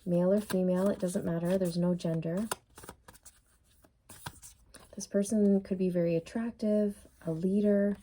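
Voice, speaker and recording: Her voice is medium-pitched and dark with fairly even intonation as she gives a relaxed tarot reading, thinking out loud slowly with many fillers and noting her voice is going. A slight hiss or hum is audible.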